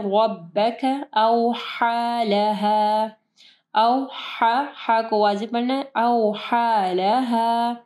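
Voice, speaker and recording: A woman teaching Quran recitation rules, explaining each rule patiently and drawing out the words slowly as she recites. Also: on the high side, darkish tone. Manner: patient, repeats words slowly and corrects pronunciation.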